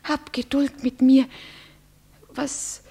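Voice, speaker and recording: An actress playing a frightened young bride who pleads in a breathy, often whispered voice, in a classic radio play. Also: female voice, high voice, flat delivery, very slow, mellow, exaggerated voice. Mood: despairing. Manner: pleading, trembling.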